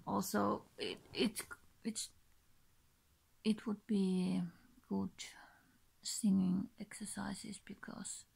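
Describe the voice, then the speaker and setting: Sitting in a small bedroom, a Finnish-accented woman in her thirties from Finland hesitantly introduces her channel to camera, unscripted, in short, breathy, halting phrases. She has a mid-range, darkish voice with flat delivery, and the built-in device mic near her face gives a low-quality recording.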